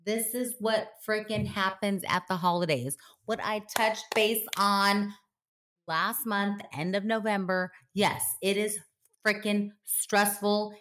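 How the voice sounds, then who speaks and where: A hoarse middle-aged woman chats casually as a podcast co-host, her voice partly worn out. She laughs easily and peppers her talk with exclamations. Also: mid-range voice, slow pace, fairly bright tone. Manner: laughs often, exclaims "oh my God". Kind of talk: casual chat.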